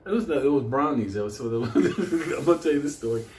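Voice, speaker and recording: Speaking a little fast in an animated, mid-range, slightly mellow voice, a Puerto Rican or Puerto Rican–community man whose first language is Spanish tells joking, profane stories. He rambles, swears heavily, and laughs often in his role as storyteller and host. The sound has a roomy echo and faint background noise.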